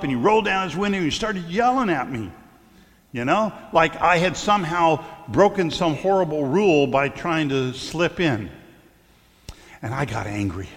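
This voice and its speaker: A man's voice: a little high, a bit bright. A middle-aged male clergyman giving a conversational sermon, telling stories with frequent fillers and stumbles. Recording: long hall reverb.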